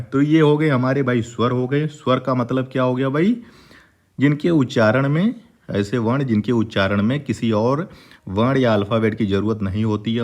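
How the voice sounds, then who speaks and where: A man teaching a grammar lesson for exam prep, explaining in a repetitive way, drawing out vowel sounds and mixing in English terms. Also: medium pitch. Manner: explanatory, repeats points, drawn-out vowel demonstrations; mixes English terms into Hindi.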